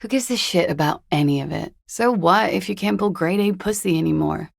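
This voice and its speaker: Klaasje, husky, creaky, jaded flirt. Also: female voice, on the low side, fairly quick, dry recording, clean studio sound. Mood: dismissive, teasing. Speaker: video game character. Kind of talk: video game dialogue.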